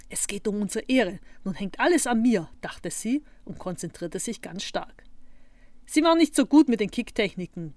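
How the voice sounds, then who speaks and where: A woman narrating a children's storybook in a measured, gentle reading voice. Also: medium pitch, no room sound.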